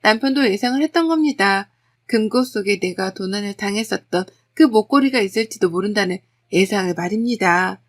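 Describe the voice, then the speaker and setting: Lady reading out a personal story, calm even polite tone, mid pitch. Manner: steady, polite storytelling read. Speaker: narrator. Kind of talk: scripted first-person story narration.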